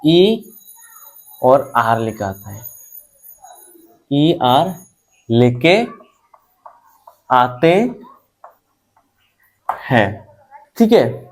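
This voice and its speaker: A man's voice: mid-range voice, sing-song. A man teaching English grammar, repeating each point and asking and answering his own questions. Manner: slow, repetitive, asks and answers own questions. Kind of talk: classroom grammar lesson.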